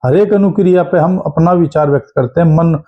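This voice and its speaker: A man teaching an exam-prep lesson, animated, posing questions and answering them himself. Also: fairly high pitch, a little fast. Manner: animated, asks and answers his own questions. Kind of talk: lecture. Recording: dull lo-fi audio.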